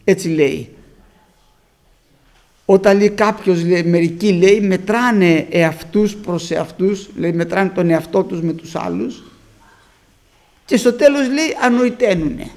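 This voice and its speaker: High gravelly storytelling preacher man. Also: long pauses. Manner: storytelling, lively retelling with acted quotes. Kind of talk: sermon.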